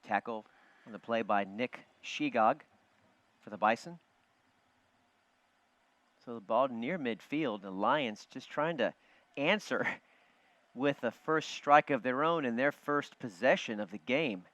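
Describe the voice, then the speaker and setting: A man calling live football play-by-play from a broadcast booth, quick and chatty, joking with his partner. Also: mid-range voice, fairly bright tone, no room sound. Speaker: play-by-play announcer. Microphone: broadcast booth headset. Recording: dull, muffled broadcast audio.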